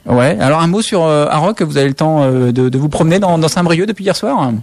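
A man hosts a live radio interview from a studio, his voice a bit high. He talks haltingly, with many fillers and tag questions. The studio sound is dry and close. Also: animated, darkish tone, dry recording. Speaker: radio host.

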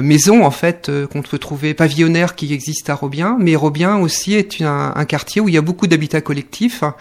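Hesitant man, slightly high voice. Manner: hesitant, many fillers and restarts. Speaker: guest, neighbourhood committee co-president. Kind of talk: radio interview. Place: radio studio.

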